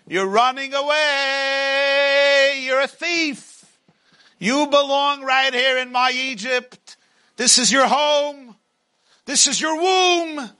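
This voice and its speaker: A man voicing a domineering, taunting Pharaoh as an inner oppressor, in a booming motivational-speech delivery within a sermon. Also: slow pace, pushed and bright, full character voice. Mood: commanding.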